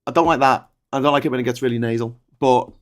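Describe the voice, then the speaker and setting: A man with a soft Scouse accent hosting a talk show, chatting casually in a blunt, colloquial and opinionated way. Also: medium pitch, fairly even intonation, fast. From Liverpool, England. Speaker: live-stream talk show host. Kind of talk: casual chat.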